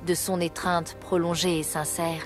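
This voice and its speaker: A woman narrating a storybook game in a calm, measured way. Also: fairly low pitch, natural voice. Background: game music.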